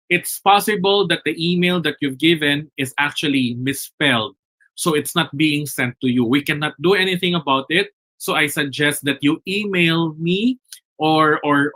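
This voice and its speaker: A man's voice: on the high side, sharp tone. A man hosting a live teacher webinar, chatty and talking straight to his audience with frequent restarts. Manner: chatty, restarts phrases, addresses teachers directly. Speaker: webinar host.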